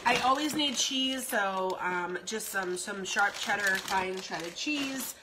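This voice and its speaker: A woman's voice: mid-range voice, takes it slowly, background noise. A woman in her forties chatting casually through a grocery haul in her home kitchen, rambling with lots of ums and repeats. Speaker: vlogger. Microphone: phone camera at arm's length.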